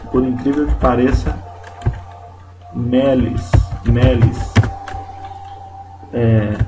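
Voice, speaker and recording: A man teaching a Portuguese grammar lesson, speaking slowly and deliberately and often checking in with his listeners. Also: mid-range voice, roomy sound, low-quality recording. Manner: slow and deliberate, checks in with "né?" and "não é isso?".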